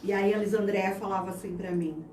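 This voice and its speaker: Speaking quickly with fairly even intonation, this medium-pitched, darkish-toned woman recounts her personal faith journey in an interview with sincere, heartfelt emotion. She's in her thirties and has a Brazilian Portuguese accent; the mic is distant, the room echoes, and there's faint background noise.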